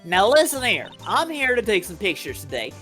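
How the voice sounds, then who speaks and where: A woman's voice: mid-range voice, very animated, moderate pace, a bit bright, soft background music. Woman doing a Southern cowgirl photographer. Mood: cocky. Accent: Southern US, put on. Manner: folksy drawl with country phrases. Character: brash female cowgirl photographer, folksy and cocky. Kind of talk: voicing game dialogue aloud.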